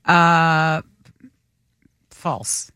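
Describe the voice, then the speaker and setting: A woman on a panel in a casual chat, teasing the others with quick quips. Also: low-pitched, clear, resonant tone, no echo. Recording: loud background noise.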